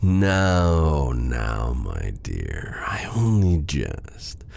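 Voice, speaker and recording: A man playing a sly, menacing, seductive dark sorcerer in an ASMR fantasy roleplay, with a breathy, gravelly voice and a theatrical, teasing, silky delivery. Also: extremely low pitch, big pitch swings, drawn-out words, exaggerated voice. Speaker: voice actor.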